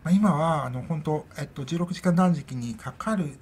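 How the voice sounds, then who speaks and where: A woman's voice: sits low, moderate pace, a little mellow, husky. A middle-aged woman hosting a casual solo podcast chat, rambling and chatty and laughing often, into her own microphone. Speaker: podcast host.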